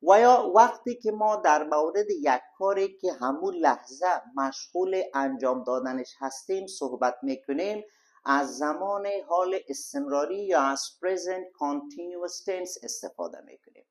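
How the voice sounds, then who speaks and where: A man teaching an online English lesson. He keeps calling his listeners dear friends, spells words letter by letter and slows down on English phrases. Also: fairly high pitch.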